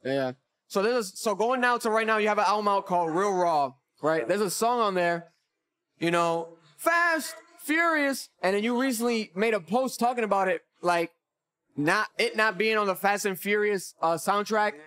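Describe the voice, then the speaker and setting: A young man with a notably high voice hosts a podcast interview. His phrasing is casual and slangy, with frequent words of agreement, spoken into a studio-style microphone in a small room. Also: lively intonation, normal speed, fairly bright tone, clean tone, dry recording. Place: small indoor room with couches. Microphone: podcast microphone on boom arm.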